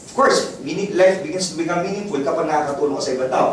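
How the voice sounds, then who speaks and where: A man's voice: on the high side, quick pace. A man giving a motivational business presentation to a live crowd, joking often and asking the audience to agree. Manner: call-and-response, keeps asking the crowd to agree; laughs often, jokey. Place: event hall with audience. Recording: very echoey hall, far mic, audience.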